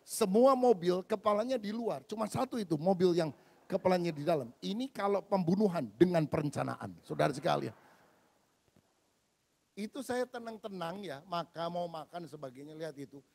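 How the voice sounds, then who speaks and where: A male pastor preaching a sermon, telling stories with animated swings from loud to hushed. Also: sits high, moderate pace, gravelly. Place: large church hall. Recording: long hall reverb.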